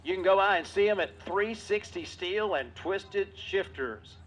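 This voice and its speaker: A man's voice: sits high, unhurried, fairly bright tone, rough recording. A man working as a drag race announcer, calling the action in a showy motorsport delivery like a tractor pull announcer. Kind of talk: live race commentary and sponsor reads over public address. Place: outdoors at a drag strip. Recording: outdoor track noise and vehicles behind.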